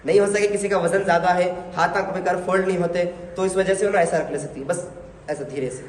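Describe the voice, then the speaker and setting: A man's voice: high-pitched, steady tone, fast talker. Male religious teacher, correcting and coaxing learners, roomy sound with faint background noise. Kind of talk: hands-on prayer instruction. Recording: echoey hall, faint noise.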